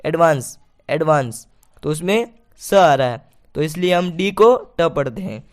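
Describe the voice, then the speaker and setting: High-voiced man teaching pronunciation. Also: animated, unhurried. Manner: patient, repeats key points as questions. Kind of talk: spoken lesson.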